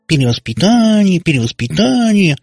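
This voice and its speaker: A man voicing a proud teenage witch girl, hurt and reproachful, husky voice pitched up, dry close audiobook read. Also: big pitch swings, normal speed, a little mellow, dry recording, faint music behind, exaggerated voice.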